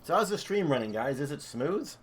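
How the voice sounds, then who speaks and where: A man's voice: fairly high pitch, very animated, fairly quick, slightly rough. A man streaming and commentating a video game comparison in a chatty, enthusiastic way. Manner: chatty, enthusiastic, thinks aloud. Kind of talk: casual gameplay commentary.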